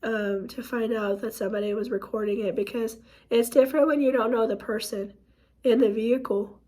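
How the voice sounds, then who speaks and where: A hoarse woman, sick for a while, telling a painful personal story in a halting, emotional vlog. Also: a little high, steady tone, mellow. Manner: emotional, halting, many fillers. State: hoarse from illness. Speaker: vlogger.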